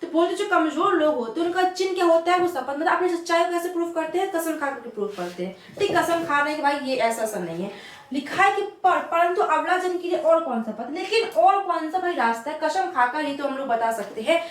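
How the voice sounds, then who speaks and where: High-voiced woman teacher in echoey room. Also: expressive, fast, far from the mic. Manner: explains line by line, repeats and asks rhetorical questions. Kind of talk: casual Hindi literature lesson.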